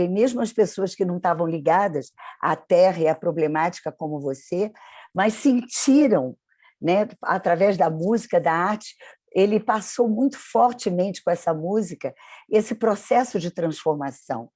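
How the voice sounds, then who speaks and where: A woman hosting an interview, asking long, effusive questions in a mellow voice. She often repeats words as she searches for what to say. The sound is dry and close. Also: fairly low pitch, expressive, normal speed, dry recording. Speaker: interviewer, program host.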